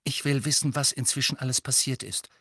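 A man's voice: mid-range voice, steady tone, a little fast, fairly bright tone, breathy edge, no room sound, clean studio sound, voice pushed up. A man doing an earnest teenage boy. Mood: earnest questioning. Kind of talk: audiobook character voice.

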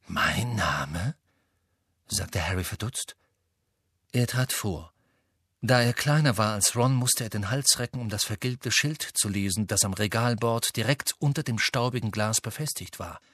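A man narrates a novel in a measured storybook manner. His voice is husky, with a mid pitch. The recording is dry and close, with no room sound. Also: fairly bright tone, dry recording. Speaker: audiobook reader. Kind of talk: scripted narration.

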